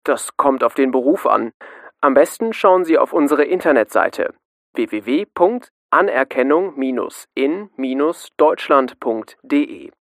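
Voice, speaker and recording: Hotline clerk, customer service voice, polite and formal, language-course dialogue, medium pitch, dry studio sound. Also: male voice, expressive, a little slow, fairly bright tone, no echo. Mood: polite, helpful. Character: polite male advice hotline clerk taking a call.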